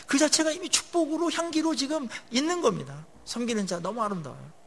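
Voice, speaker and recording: A male pastor preaching a sermon in a conversational way, asking the congregation questions and letting his phrase endings drop low after emphatic peaks. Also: expressive, brisk, creaky, a bit bright, a little hiss or hum.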